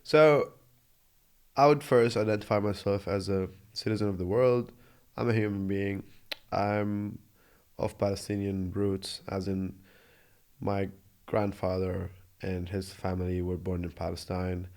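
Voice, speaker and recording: His low-pitched, darkish voice comes out flat and a little slow as this Jordanian man in his twenties tells his story. He's a guest in a casual interview in Australia, speaking earnestly and thoughtfully with many restarts.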